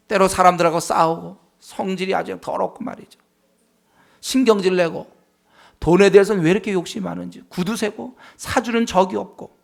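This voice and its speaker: High-voiced emphatic male pastor. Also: gravelly, fairly bright tone. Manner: emphatic, rhetorical questions, frequent affirming "yes". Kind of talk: Bible study sermon.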